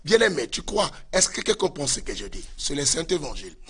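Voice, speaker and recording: Male pastor, fervent sermon delivery, high bright voice, slightly husky. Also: sing-song, brisk. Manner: fervent preaching with repeated direct address to listeners.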